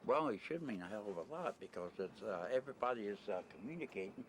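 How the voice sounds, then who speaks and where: Interviewed casually at a desert camp amid background noise, this retired merchant seaman, an older American man, talks fast in a lowish voice that swings widely in pitch. He rambles bluntly and plainly, swearing a little. The sound comes from a noisy 1990 amateur videotape.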